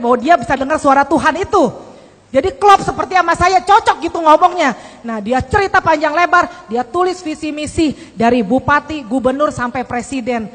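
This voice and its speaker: A woman giving a lively sermon testimony to a congregation, acting out the voices in her story. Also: sits high. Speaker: church speaker giving testimony. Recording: long hall reverb.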